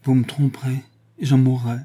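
A man voicing a pale, romantic young woman who pleads softly in a read-aloud novel. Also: medium pitch, little pitch movement, normal speed, husky, close to an everyday voice. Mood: pleading.

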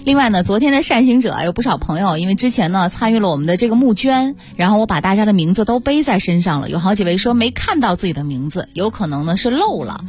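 A woman's voice: mid-range voice, expressive, fast, few pauses, a little mellow. A woman co-hosting a casual radio chat, reading out listener messages and laughing often. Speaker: radio co-host.

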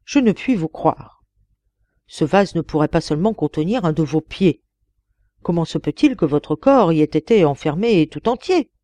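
A woman's voice: sits low, animated, moderate pace, mellow, dry recording. A woman reading the part of a wary fisherman who scorns and outwits a genie. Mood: doubting. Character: wary, defiant old fisherman.

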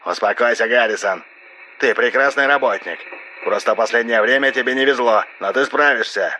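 A man's voice: medium pitch, fairly quick, pushed and bright, a little hiss or hum, voice pushed up, close to an everyday voice, low-quality recording. A man reading an audiobook, voicing a ruthless male corporation boss who barks orders. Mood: domineering. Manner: barking, domineering.

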